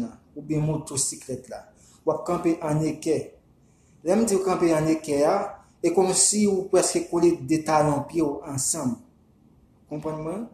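A man with a Haitian accent, a vodou practitioner whose first language is Haitian Creole, giving casual spoken instructions in a halting, repetitive way and slowly chanting names. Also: fairly high pitch, dark tone, reverberant, slight background noise.

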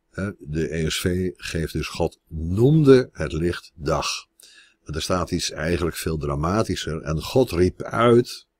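A man giving a Biblical Hebrew grammar lesson, slow and deliberate, stressing each Hebrew word. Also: extremely low pitch, breathy edge, no room sound. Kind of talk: grammar lecture.

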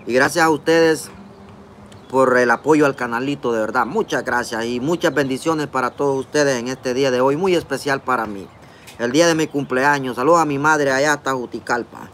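On a phone livestream, a man in his forties with a Honduran Spanish accent sits at a table in a park, eating and casually greeting viewers by name as he reads the chat. The phone camera is close up, and his mid-range voice is fairly bright at normal speed, with a little hiss or hum.

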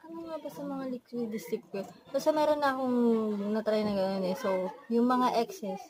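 A Filipino woman with a hoarse, partly lost voice, speaking softly in a casual makeup review from her bedroom. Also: on the high side, brisk, crowd noise. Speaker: beauty vlogger. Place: her bedroom in a family house. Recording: noisy home room with TV behind. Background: TV and relatives' noise from nearby rooms.

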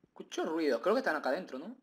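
Brief: male gamer, rambling live commentary, very lively swooping delivery. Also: on the high side, very fast. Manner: excitable, rambling, repeats himself, bursts into shouts. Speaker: gaming video creator.

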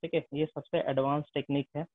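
A man's voice: a little high, level tone, a little fast, no echo. A male teacher giving a classroom lecture, mixing English terms into his speech and checking in with tag questions. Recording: tinny phone-like sound.

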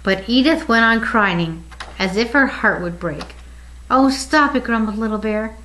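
An older woman reading a children's picture book aloud with gentle, expressive pacing. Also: mid-range voice, moderate pace, poor audio. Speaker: storybook reader.

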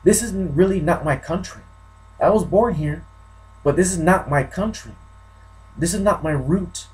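A man's voice: high voice, unhurried, darkish tone, poor audio. A man from New Mexico giving an unscripted vlog monologue, rambling and often repeating himself and restarting. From New Mexico, USA. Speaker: vlogger.

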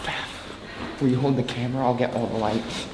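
A young man, excitedly exploring an abandoned building on camera, gasping and dropping to whispers. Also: medium pitch, normal speed, heavy background noise. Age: young adult. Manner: excited, jumpy, loud gasps and hushed whispers. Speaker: vlogger. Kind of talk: live exploration vlog. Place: inside an abandoned concrete building. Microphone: handheld camera. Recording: echoey bare-walled room.

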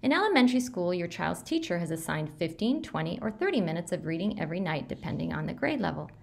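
Low-pitched, creaky-voiced woman giving instruction. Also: big pitch swings, quick pace. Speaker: elementary school principal. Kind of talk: scripted explainer narration for parents.

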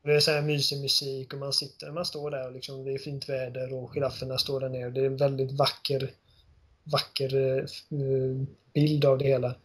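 A man co-hosting a casual game podcast, retelling scenes with animated storytelling. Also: mid-range voice, breathy edge. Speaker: podcast co-host. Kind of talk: casual chat.

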